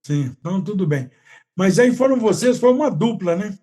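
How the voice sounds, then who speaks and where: A podcast host with a notably high voice for a man. He asks easy follow-up questions in a casual, conversational way to draw out his guest's story. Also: animated, moderate pace, mellow. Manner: friendly prompting, follow-up questions.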